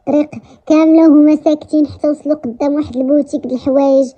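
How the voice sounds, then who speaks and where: Moroccan woman narrator, high voice, dark mellow tone, dull lo-fi sound, romance story. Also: fairly even intonation, very fast. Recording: dull lo-fi recording.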